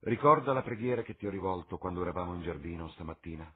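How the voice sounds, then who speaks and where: A man's voice: sits low, lively intonation, quick pace. A man voicing an earnest, melancholy male painter for an audiobook, speaking in a subdued, pleading way. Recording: tinny lo-fi with faint hiss.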